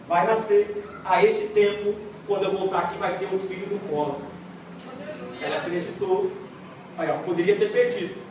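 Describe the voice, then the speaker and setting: A man's voice: high voice, noisy background. A male pastor preaching a dramatic sermon at a church service. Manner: dramatic, swings from quiet to shouting. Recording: echoey church hall, distant mic.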